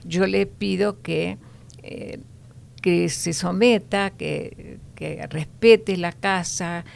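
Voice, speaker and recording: Deep gravelly older woman. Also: steady tone, darkish tone, slight background noise. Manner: measured, explanatory, many fillers. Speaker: host.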